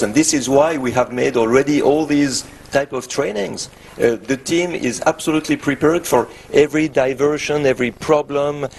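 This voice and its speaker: A man, a pilot, giving an interview statement in a halting way with filled pauses and restarts. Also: medium pitch, poor audio.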